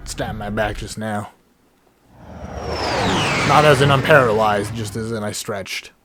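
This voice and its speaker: A man's voice: fairly low pitch, unhurried. Rambling young man over game music. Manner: rambling, chatty, self-deprecating, many filler "like"s. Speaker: let's play gamer. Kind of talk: casual gameplay commentary.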